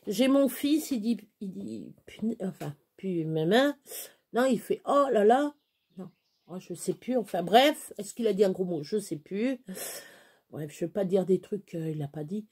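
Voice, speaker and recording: A middle-aged woman vlogger talks to camera in a mellow, warm voice, rambling casually with frequent fillers and restarts. Now and then she slips into soft baby talk. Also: mid-range voice, animated, measured pace, husky. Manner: chatty, hesitant, many restarts and fillers, baby talk to her dog.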